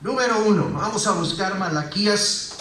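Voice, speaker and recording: A man's voice: sits high, moderate pace, fairly bright tone, slight background noise. A man preaching a sermon as a pastor, engaging the congregation with frequent questions. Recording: roomy echo, voice heard from a distance.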